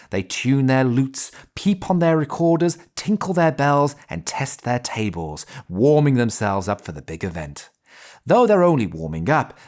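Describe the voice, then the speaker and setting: Fireside storyteller in their early 30s, expressive cozy story reading, really lively up and down pitch. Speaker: game reviewer and channel host.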